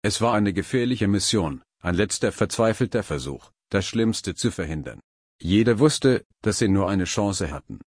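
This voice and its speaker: A man narrating a science fiction story in an even, dramatic reading style, close to the mic. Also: lowish voice, normal speed, slightly rough, no room sound.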